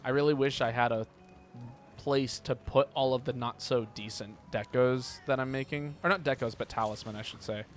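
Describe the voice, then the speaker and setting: A man's voice: mid-range voice, fairly even intonation, moderate pace, soft background music. A man streaming a video game, chatting casually and rambling as he thinks aloud. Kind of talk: casual live gaming commentary. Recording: clear background noise.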